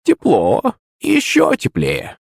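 A cranky old forest witch with a shrill, cackling voice that leaps high and swoops low, as a male narrator puts her on. She grumbles and teases in a sly, bossy way. The sound is dry and close, with no room around it. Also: wildly swooping pitch, slow, gravelly, breathy edge, no room sound, full character voice. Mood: shrill alarm. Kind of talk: audiobook character voice.

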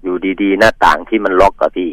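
A man from northeast Thailand telling the host a ghost story from his village in a halting, polite way, pausing and repeating words. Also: low-pitched, a bit bright, dry recording, poor audio. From Northeast Thailand, Mekong riverside. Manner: polite, addresses host as older brother. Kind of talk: casual spoken storytelling.

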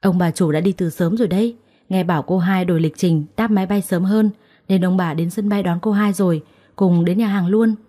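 A woman's voice: lowish voice, fairly even intonation, brisk, dark tone, close to an everyday voice. A kindly older housemaid voiced by a woman. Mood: concerned.

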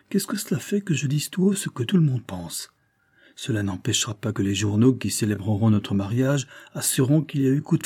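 A man's voice: medium pitch, mellow, slightly rough, voice pushed up. A man reading aloud voices a talkative, impertinent rich young woman about to be married, in a lifted, teasing tone.

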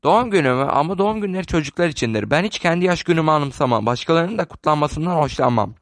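A man's voice: a little high, expressive, quick pace, no echo. A man voicing a grumpy, stingy old man who barks testy complaints in a storybook reading. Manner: barking, testy.

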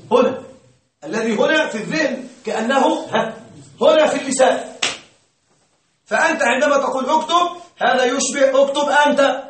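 A man teaching grammar to a class, often asking a question aloud and then answering it himself. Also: very high voice. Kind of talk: classroom lecture. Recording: roomy, distant mic.

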